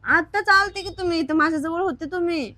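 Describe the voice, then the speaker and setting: A woman's voice: extremely high pitch, a little fast, pushed and bright, no room sound. A woman playing an unwell, groggy village wife in a comedy skit, whining and complaining with a rural Marathi accent. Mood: aggrieved.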